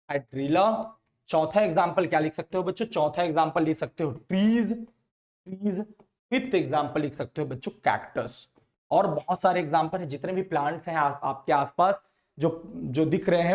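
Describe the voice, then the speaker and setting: A man's voice: a little high, darkish tone. A man teaching a science lesson to schoolchildren, repeating words and asking questions that he then answers himself. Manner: repetitive call-and-response questioning.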